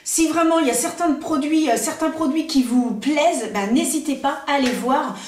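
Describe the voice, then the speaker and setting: A woman's voice: high voice, normal speed, a little mellow. A woman chatting casually to camera as a beauty vlogger, enthusiastic and full of asides and fillers. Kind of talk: casual product review to camera. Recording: echoey room, voice a bit far from mic.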